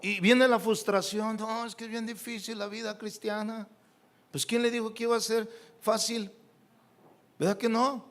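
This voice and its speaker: A man with a Mexican Spanish accent preaching a sermon as a pastor, animated and full of rhetorical questions to the congregation. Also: high voice, moderate pace. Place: church.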